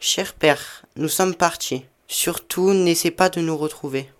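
A woman's voice: low voice, measured pace. A woman voicing a fifteen-year-old shapeshifting boy who runs away from home. She talks in an earnest, determined way. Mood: solemn.

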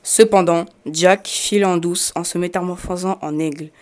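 A woman narrates a fairy tale in a measured, storytelling way. Her voice sits on the low side. The reading is calm and clear.

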